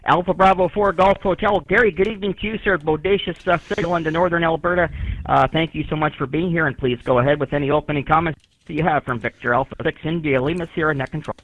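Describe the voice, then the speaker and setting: A man's voice: fairly high pitch, fast talker, a bit bright. A man running an amateur radio net as net control, heard over a ham radio receiver, polite and formal, with many "uh" fillers as he spells out call signs in the phonetic alphabet. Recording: tinny radio receiver audio.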